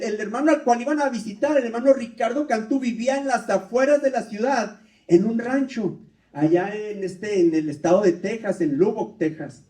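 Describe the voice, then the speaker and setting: A man's voice: very high voice, darkish tone. A man preaching a storytelling sermon in a church, fervently addressing the congregation as brothers. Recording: echoey church, mic at a distance.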